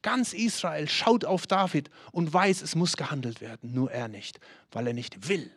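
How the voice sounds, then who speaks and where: A man's voice: fairly high pitch, moderate pace, a bit bright, husky, no echo, clean studio sound. A man preaching a sermon with urgency, challenging listeners directly and acting out the voices of their excuses.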